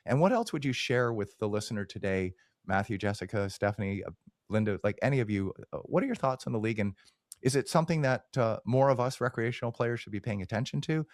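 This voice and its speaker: A podcast host with a lowish, expressive voice chats quickly and candidly with his guests in a casual interview, often poking fun at himself. The studio-quality recording has no echo.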